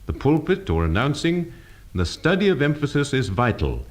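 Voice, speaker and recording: A man giving a scripted speech-training lesson, precise and measured, acting out example phrases. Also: mid-range voice, big pitch swings. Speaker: elocution teacher.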